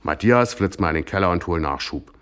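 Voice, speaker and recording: A man voicing a gruff, beer-loving father who barks orders. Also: deep voice, fast, fairly bright tone. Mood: bossy. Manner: bossy, barking orders.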